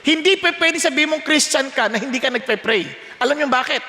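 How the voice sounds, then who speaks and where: A man preaching a sermon as pastor, telling stories in an animated way that often climbs in pitch and volume. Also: a little fast, long reverb tail.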